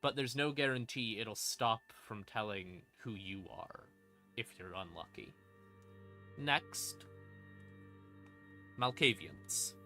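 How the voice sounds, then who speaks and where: Explaining game lore on his livestream, a man talks slowly with frequent pauses in a lowish, sharp voice. He keeps it casual, emphatic and full of swearing. Eerie ambient music plays behind his voice.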